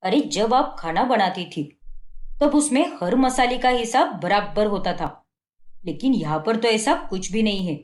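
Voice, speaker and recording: A woman's voice: medium pitch, lively intonation, a little slow, echoey room, close to an everyday voice. A woman doing a scornful cartoon husband. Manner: scolding, contemptuous complaints. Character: fault-finding young husband, harsh and demanding. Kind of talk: Hindi cartoon dubbing.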